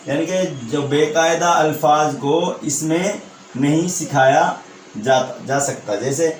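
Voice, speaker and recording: A man's voice: on the high side, slight background noise. A man teaching an online Urdu lesson for exam prep, who repeats each point as a question, answers it, and checks that students follow. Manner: checks understanding with a tag question. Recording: echoey room, voice from a distance.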